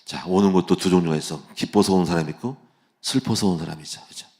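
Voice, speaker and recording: Deep-voiced man preaching casually. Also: fast, a little mellow. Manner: casual, conversational preaching with plain speech endings and rhetorical questions; vivid storytelling that acts out quoted voices. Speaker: pastor. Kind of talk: early-morning church sermon. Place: church sanctuary.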